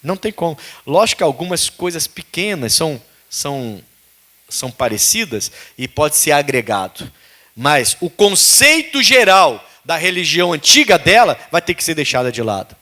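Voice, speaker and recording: Animated high-voiced pastor. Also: male voice, moderate pace. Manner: animated preaching with call-outs to the congregation. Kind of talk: sermon.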